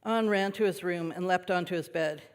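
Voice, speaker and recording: A man, a minister, reading a children's story aloud during a service in a gentle storytelling manner with light asides. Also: high-pitched, normal speed, smooth. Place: large worship hall. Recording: long reverb of a worship hall.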